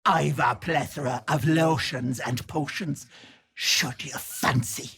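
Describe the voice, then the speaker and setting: An actress playing a wicked old hag who poses as a kindly auntie in a video game, sly, wheedling and sharp-tongued, with sugary endearments. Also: female voice, sits low, steady tone, takes it slowly, full character voice. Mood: sly, bargaining. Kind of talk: game voice acting, theatrical.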